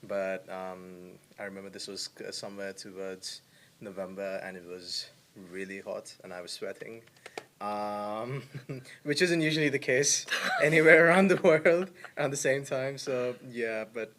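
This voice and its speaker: Young male student guest, lowish voice, relaxed and chatty. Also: unhurried, slight background noise. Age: young adult. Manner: chatty, laughs a lot. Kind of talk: casual roundtable chat.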